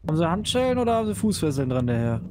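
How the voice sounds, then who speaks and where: Guy playing a cop in gta rp, calm and a bit smug, lively voice, loud game sounds behind. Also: fairly high pitch, rapid-fire. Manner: calm, officious, lightly mocking. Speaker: police officer player in roleplay. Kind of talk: in-character game roleplay. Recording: voice chat over loud game noise.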